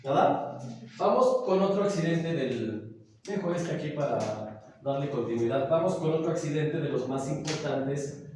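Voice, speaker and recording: Mexican guy teaching a class, slow careful explaining, keeps checking in, dark voice, faint room hum. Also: a little high, lively intonation. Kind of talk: classroom lecture. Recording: echoey classroom from far off.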